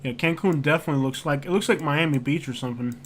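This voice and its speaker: Chatting loosely on his livestream while browsing and reacting to street views, an American man rambles with lots of filler words such as "like" and "you know." He speaks quickly in a higher-than-average voice, and a little hiss or hum can be heard.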